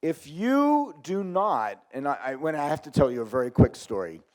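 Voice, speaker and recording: A middle-aged man with a fairly high voice runs a workshop in front of a live group. He talks with lively energy, swinging between loud, rousing stretches and quiet asides. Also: moderate pace. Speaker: workshop leader.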